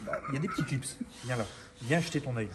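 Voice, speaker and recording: A man explaining a car part swap in a relaxed, joking and crude way, recorded in a garage. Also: medium pitch, quick pace. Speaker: amateur mechanic co-host. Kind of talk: casual how-to commentary. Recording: loud noise in the garage.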